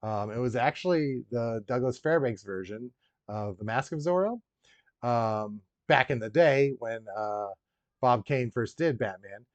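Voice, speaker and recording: A toy collector hosts a casual live stream, chatting with viewers in a rambling, joking manner full of dry, teasing asides. His mid-range voice has lively intonation and runs a little slow, and the recording is roomy, echoey, dull and lo-fi.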